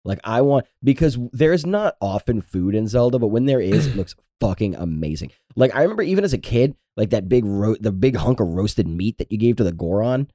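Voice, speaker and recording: A man's voice: lowish voice, sing-song, brisk, few pauses, warm tone, no room sound, clean studio sound. A man from Louisiana, co-hosting a podcast, rambling and swearing in casual banter. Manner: rambling, profane, jokey. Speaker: podcast co-host.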